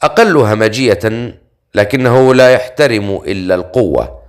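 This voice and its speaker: A man voicing a proud female ghoul princess in an audiobook, giving quick, anxious warnings. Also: lowish voice, expressive, lightly acted. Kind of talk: audiobook character reading.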